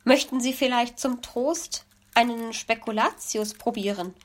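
A woman voicing a kind, calm hedgehog mother in a children's story, speaking softly and gently. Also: fairly high pitch, unhurried. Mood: gentle. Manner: soft, gentle, sniffs "nuff nuff". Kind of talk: storybook reading.

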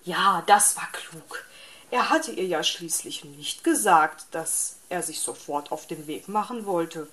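A woman narrating a children's story in a calm, even storytelling manner. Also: on the low side, slow.

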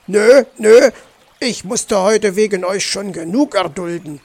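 A man's voice: high voice, unhurried, darkish tone. A man voicing a grumbling stingy fox uncle. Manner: grumbling, indignant. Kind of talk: children's audiobook.

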